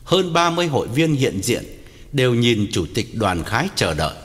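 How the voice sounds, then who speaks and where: A man narrating a story as an audiobook reader, expressive and swinging his pitch. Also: moderate pace. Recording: long hall reverb, guitar music behind.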